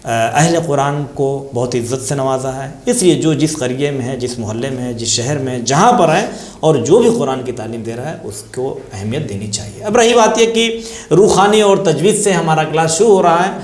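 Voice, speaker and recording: A man's voice: mid-range voice, animated, hardly any pauses, darkish tone, roomy sound. A man with an Indian Urdu accent teaching tajweed, patiently repeating key terms and asking and answering his own questions. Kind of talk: religious lesson explanation.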